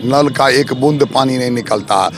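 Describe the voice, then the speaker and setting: A man running as a local election candidate, answering interview questions in a forceful, accusatory way, piling up lists of grievances. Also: mid-range voice, normal speed, background noise.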